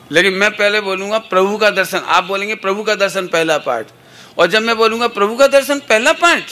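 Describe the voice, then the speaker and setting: Bright-voiced man leading children's chants. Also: high-pitched. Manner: playful, coaxing, leads slogans in rhythmic counts. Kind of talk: call-and-response chanting lesson for kids.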